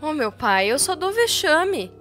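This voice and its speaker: A jittery young man, the rancher's soft-hearted son, pleads and pushes back in a lifted, strained voice, as a woman narrator reads him. Soft music hums faintly behind him. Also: high-pitched, sing-song, unhurried, voice pushed up, heavily acted. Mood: sheepish.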